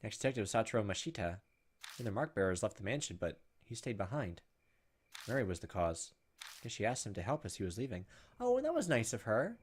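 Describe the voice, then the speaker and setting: A fast-talking man with a lowish, slightly rough voice and big swings in pitch hosts a gaming video. He reads the game's text aloud and adds flippant remarks as video game music plays behind him.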